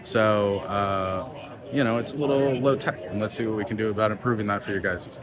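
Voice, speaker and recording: Recording on his phone's built-in mic, this low-voiced man, a film sound mixer, hosts a casual vlog to camera. He explains things off the cuff with pauses between points while moving through a busy convention venue. Crowd chatter and general bustle are audible throughout.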